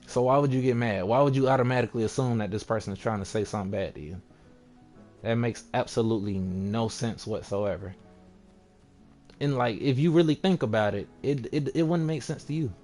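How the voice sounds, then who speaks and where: Young male vlogger, casual rambling rant, mid-pitched, faint music bed. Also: brisk, a little mellow. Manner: laid-back, rambling, sarcastic mock voices.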